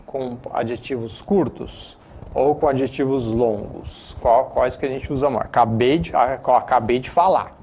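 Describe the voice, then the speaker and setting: A man's voice: mid-range voice, moderate pace, darkish tone, a little hiss or hum. A man with a Brazilian Portuguese accent teaching English on a studio lesson broadcast, chatty and full of tag questions. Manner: chatty, repeats filler tags, self-corrects. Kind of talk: classroom lesson, explaining.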